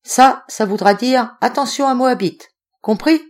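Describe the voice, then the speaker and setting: A woman voicing a proud, gruff male ape-man of the forest in an audiobook reading. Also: a little high, a little slow, pitched above the performer's own voice, natural voice. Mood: scornful. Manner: gruff and scornful.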